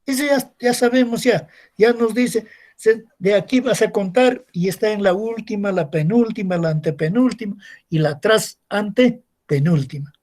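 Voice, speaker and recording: A man's voice: high voice, moderate pace, a little mellow. A male secondary school teacher giving a recorded class, explaining step by step and asking rhetorical questions to his students.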